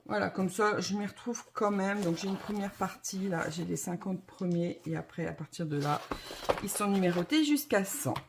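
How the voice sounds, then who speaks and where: A woman's voice: medium pitch, normal speed, gravelly, background noise. A woman chatting casually to her viewers about her coloring supplies, rambling and correcting herself with lots of fillers and a self-mocking tone. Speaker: vlogger. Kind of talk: casual chat to camera.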